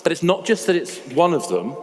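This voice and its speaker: A man with a slightly raspy voice, giving a conversational, emphatic conference talk. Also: a little high, sing-song, brisk. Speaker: conference speaker. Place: large conference hall. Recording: reverberant hall with faint ambience.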